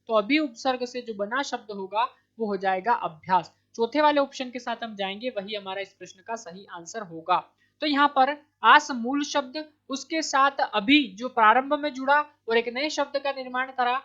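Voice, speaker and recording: Woman exam tutor, slightly high voice, patient and repetitive, on muffled lo-fi audio. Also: fairly bright tone. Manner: explains step by step, repeating answers with "ठीक है". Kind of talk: online exam-prep lesson. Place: Madhya Pradesh, India. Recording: dull lo-fi recording.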